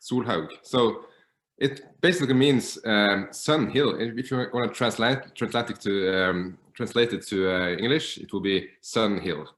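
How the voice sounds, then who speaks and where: A man's voice: lowish voice, measured pace, a bit bright, reverberant. A man in his thirties from northern Norway, a native Norwegian speaker, talking casually as an interview guest with many hesitant fillers. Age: 30s. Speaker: guest guitarist.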